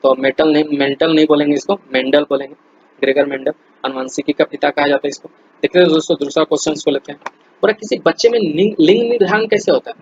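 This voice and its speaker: This male teacher talks fast through a set of quiz questions, loose and chatty, stopping often to restart and treating viewers like friends, as a friendly tutor might. His slightly high voice is husky, and the recording quality is dull and lo-fi.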